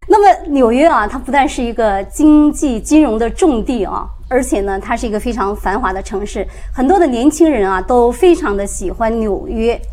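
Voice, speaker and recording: Woman tv host, native mandarin speaker, kinda high voice, doing an interview show. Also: normal speed, few pauses, darkish tone. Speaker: TV programme host. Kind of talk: presenting and interviewing.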